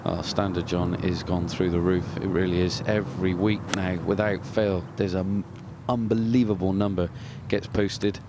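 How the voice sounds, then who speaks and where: A man's voice: low-pitched, flat delivery, normal speed, hardly any pauses, background noise. A man working as a golf commentator, giving casual live commentary in chatty, colloquial phrases full of exclamations.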